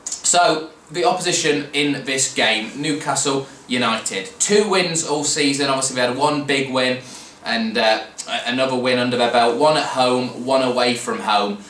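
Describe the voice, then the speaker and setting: Chatty football fan guy rambling on, bright voice, echoey room a bit off mic. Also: medium pitch, moderate pace. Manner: chatty, rambling with restarts and fillers. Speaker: fan podcast host. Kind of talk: casual football preview talk. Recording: roomy echo, mic at a distance, faint background noise.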